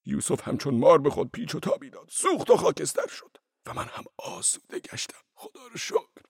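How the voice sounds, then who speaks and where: A man's voice: on the high side, wildly swooping pitch, creaky, breathy edge, dry recording, clean studio sound, exaggerated voice. A man playing a frantic, fervent runaway monk. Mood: whispering, awed. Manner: fervent, swinging between shouts and hushed whispers. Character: frantic fugitive monk, wild-eyed and fervent. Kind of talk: audiobook drama acting.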